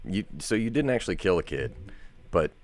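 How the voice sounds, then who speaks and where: A man's voice: low voice, sing-song, fairly quick, a little hiss or hum. A man hosting a podcast, asking teasing questions and laughing often in casual chat. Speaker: podcast host.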